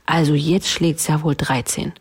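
A haughty storybook unicorn that answers no to everything, voiced by a woman reading aloud. The voice stays low and husky, slow and put out, with a huffy, superior edge. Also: fairly even intonation, a little mellow, exaggerated voice. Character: haughty, contrary unicorn who always says no.

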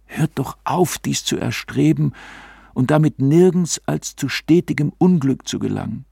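A man's voice: fairly high pitch, lively intonation, unhurried, vocal fry, warm tone, slightly rough, no echo, studio quality, pitched above the performer's own voice, exaggerated voice. A man voicing a pleading young noblewoman. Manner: pleading, earnest, raised tone. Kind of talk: audiobook character reading.

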